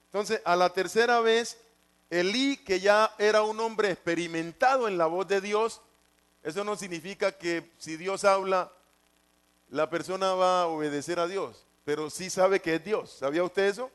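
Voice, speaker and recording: High-voiced man preaching. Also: fairly even intonation, normal speed, a bit bright, clean tone. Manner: repetitive, asks the congregation questions. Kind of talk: sermon.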